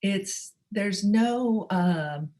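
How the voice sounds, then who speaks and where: Soft-spoken woman teaching with halting restarts. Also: mid-range voice. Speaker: spiritual teacher hosting a webinar. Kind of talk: unscripted teaching talk. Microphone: webinar microphone.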